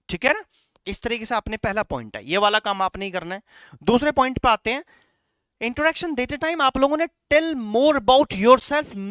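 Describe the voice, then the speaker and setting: A coaching teacher gives a classroom lecture in Hindi, his high, very animated voice swinging up and down as he makes his points and mixing in English phrases. He instructs and keeps checking in with the class, repeating "right?" and "चलेगा". The recording is dry with no room sound.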